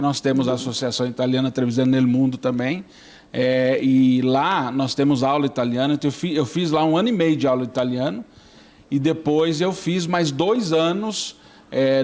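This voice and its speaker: A man's voice: mid-range voice, darkish tone. A middle-aged man, a priest on a talk show, chatting loosely and keeps tagging his sentences with a question for agreement. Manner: chatty, keeps asking "não é?". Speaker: priest, studio guest. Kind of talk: casual talk-show conversation.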